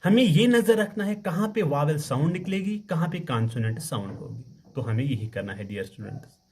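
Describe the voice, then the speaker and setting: Man as a patient grammar teacher with a lively, rising and falling pitch, who quizzes and answers himself. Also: slightly rough. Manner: slow, spells words letter by letter, asks and answers his own questions. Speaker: English teacher. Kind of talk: classroom grammar lesson.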